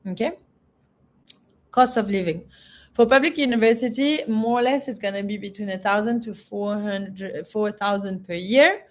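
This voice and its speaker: A woman from France, a university representative, giving a webinar presentation with many pauses, fillers and restarts. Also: medium pitch.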